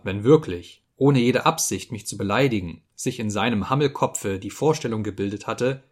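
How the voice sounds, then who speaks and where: Male audiobook reader, measured literary narration, mid-pitched.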